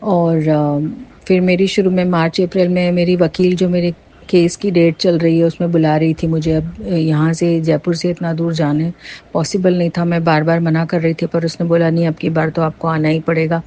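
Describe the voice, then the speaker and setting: A middle-aged woman telling a personal devotional testimony in an earnest storytelling way that rises with excitement. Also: lowish voice, normal speed.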